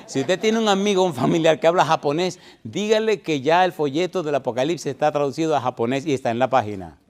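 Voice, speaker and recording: Emphatic middle-aged pastor preaching. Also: male voice, on the high side, expressive, quick pace. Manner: emphatic, asks congregation questions. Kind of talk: sermon.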